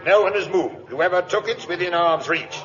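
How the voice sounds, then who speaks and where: Officious English police inspector: sharp, slightly high voice, brusque, scornful, old radio drama. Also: male voice, normal speed, soft background music. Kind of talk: 1940s radio acting. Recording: dull vintage radio recording.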